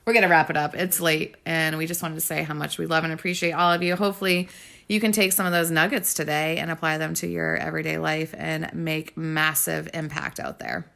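Giggly, gravelly-voiced woman podcast host. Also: sits low, fairly even intonation, a little fast, bright, forceful tone. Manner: bubbly, giggly, rambling storyteller. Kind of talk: casual chat.

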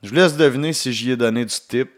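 Man, Québécois accent, young adult, podcast host, rambling, joking, lots of filler, mid-pitched voice. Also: quick pace. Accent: Québécois French. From Quebec. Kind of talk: casual solo podcast monologue.

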